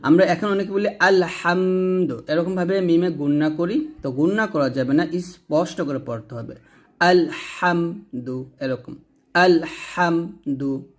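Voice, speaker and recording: A man teaching recitation, spelling out words letter by letter and drawing the syllables out, then explaining rules more briskly. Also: on the high side. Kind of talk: slow spelled-out recitation lesson.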